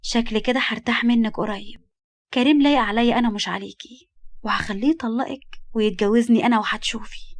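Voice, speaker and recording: A woman's voice: on the high side, fast, no echo, lightly acted. A woman with an Egyptian accent voicing a scheming young female cousin who talks slyly and pushily. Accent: Egyptian Arabic. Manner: sly, pushy.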